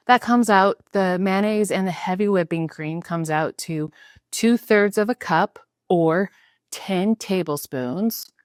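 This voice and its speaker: A woman's voice: mid-range voice, no echo, clean studio sound. A woman chatting her way through a cooking tutorial at home, laughing at herself as she carefully goes through each measurement. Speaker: home cook showing a recipe. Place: home kitchen.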